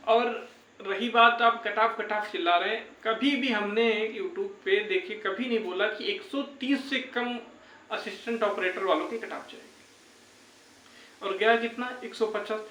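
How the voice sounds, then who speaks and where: Here a young man's high-pitched, sharp voice offers an informal exam update on YouTube, meant to reassure his viewers. He repeats phrases often, and the room echoes noticeably.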